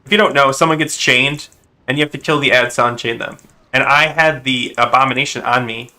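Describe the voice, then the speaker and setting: A man giving live commentary while playing a game, venting his irritation at teammates and trying to calm himself down. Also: mid-range voice, fairly quick. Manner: exasperated, venting, then calming himself down. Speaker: gamer.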